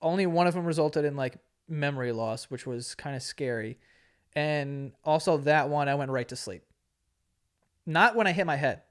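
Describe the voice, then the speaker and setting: A man's voice: fairly high pitch, normal speed, fairly bright tone, clear, resonant tone. A man in his late twenties telling a story in casual chat, laid-back and profane, laughing often and acting out what people said. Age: 20s. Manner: laid-back, swears a lot, laughs often, acts out quotes. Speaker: podcast host.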